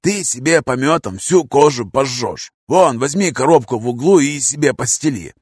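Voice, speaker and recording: A man voicing a hoarse, gruff male vagrant who talks in coarse street slang. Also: medium pitch, lively intonation, a little mellow, no room sound, studio quality, voice pushed up. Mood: chatty. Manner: slangy, coarse, drawn-out talk.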